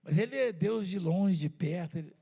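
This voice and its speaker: A Brazilian-accented male preacher delivers his sermon in a loose, conversational way, leaning on rhetorical questions and repeated words. His voice sits high for a man and has a husky, gravelly grain. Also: animated, moderate pace, mellow. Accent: Brazilian Portuguese.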